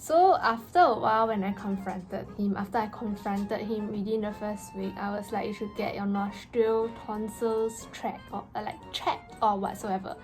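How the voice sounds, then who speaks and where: A young woman telling a story in a casual vlog rant, with an animated, exasperated, slangy delivery and emphatic stresses. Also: mid-range voice, normal speed, few pauses. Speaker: vlogger. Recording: music playing behind the voice. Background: background music.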